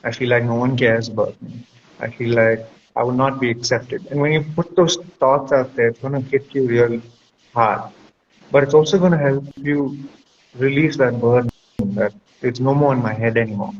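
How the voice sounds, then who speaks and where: Speaking at a moderate pace with medium pitch and fairly even intonation, this male guest counselor gives thoughtful, explanatory advice in a conversational way, frequently asking the listener "right?" His recording sounds dull and lo-fi, and background noise is plainly heard.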